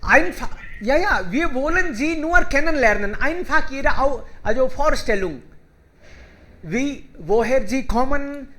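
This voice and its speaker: A man with a very high, bright voice runs a German conversation club by video call, keeping the group chat casual in learner German. He's animated yet speaks in simple, halting sentences, often pausing to greet participants, his tone clear throughout.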